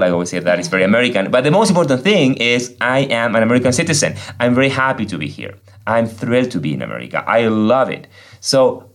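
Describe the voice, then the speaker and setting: An Argentine priest, a native Spanish speaker with an Argentine Spanish accent, earnestly explains faith during a podcast conversation. His voice sits at a medium pitch.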